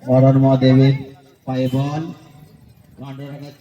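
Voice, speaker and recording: A man giving excitable live play-by-play football commentary, drawing out his calls when chances come. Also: mid-range voice, moderate pace, highs cut off. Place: outdoors at a local football ground. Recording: roomy distant mic with crowd noise. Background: crowd.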